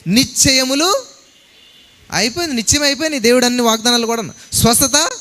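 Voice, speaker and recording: Male preacher, very high voice, animated sermon delivery, long church reverb. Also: brisk. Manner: animated, mixes English words, acts out quoted dialogue. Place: church hall.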